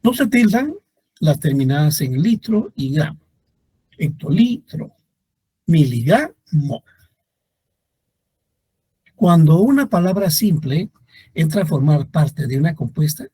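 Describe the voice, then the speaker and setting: A husky, warm-toned man with a fairly high pitch and lively intonation teaches grammar in a classroom. He reads sample words slowly and carefully, talking directly to the students, with no echo in the sound.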